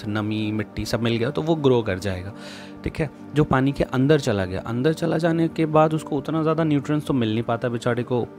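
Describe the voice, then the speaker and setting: Man teaching biology, repetitive and jokey. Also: medium pitch. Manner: explanatory, repeats key terms, jokey asides. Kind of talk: classroom lecture mixing Hindi and English.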